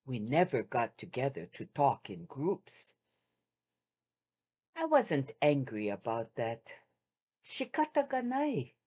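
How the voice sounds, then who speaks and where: An older woman on a video call, reading a first-person wartime memoir aloud in a measured, heartfelt way with long pauses. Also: extremely low pitch, wildly swooping pitch, darkish tone, husky. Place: home room with shoji screens. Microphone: video call webcam.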